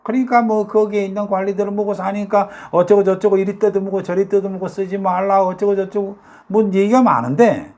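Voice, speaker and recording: A man's voice: high voice, a little fast, darkish tone. An older man with a Gyeongsang Korean accent, talking casually to his viewers in a rambling way, with many fillers and rhetorical questions. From South Korea, North Gyeongsang. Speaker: YouTube talk host.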